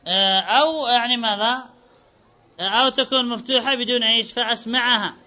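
Guy teaching grammar, quizzes his students, very high bright voice, kinda muffled lo-fi sound. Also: fairly quick. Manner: quizzes students and repeats answers. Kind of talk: Arabic grammar lesson. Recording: dull lo-fi recording.

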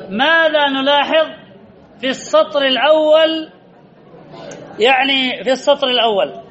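A man's voice: very high-pitched, sharp tone, highs cut off. A man teaching grammar to a class, repeating each answer and asking the pupils questions. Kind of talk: classroom lesson with questions to students.

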